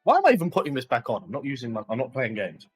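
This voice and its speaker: A husky-voiced man trades jokes as a player in a streamed tabletop game, his pitch swinging widely as he talks. Soft music plays faintly behind him. He speaks from a home computer desk. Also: wildly swooping pitch, racing. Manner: jokey, laughs often. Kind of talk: casual online game chat.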